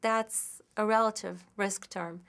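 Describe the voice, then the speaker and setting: A woman lecturer in marketing giving an expert explanation, measured and methodical, building her points with examples and sometimes correcting herself mid-sentence. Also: medium pitch, fairly even intonation, a bit bright. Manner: occasional restarts and self-corrections.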